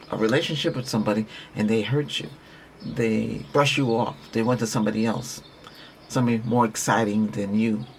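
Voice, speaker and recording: A man speaks at an ordinary pitch, talking through a Reiki healing session in a rambling, earnest way. He repeats himself and restarts sentences as he goes. Birdsong chirps faintly in the background. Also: a little hiss or hum. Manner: earnest, repetitive, conversational, with restarts. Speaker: Reiki practitioner.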